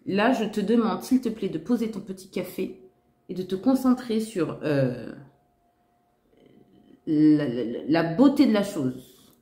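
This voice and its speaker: Pausing often and speaking a little slowly, a woman with a medium-pitched, mellow voice and lively intonation talks to her viewers about her shopping haul. She gushes enthusiastically, repeating "trop" and "magnifique," in an echoey room.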